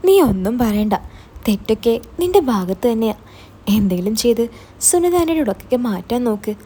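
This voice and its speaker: A woman's voice: a little high, very animated, brisk, mellow, husky. A woman voicing a blunt, teasing young man who is the hero's old college friend. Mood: scolding.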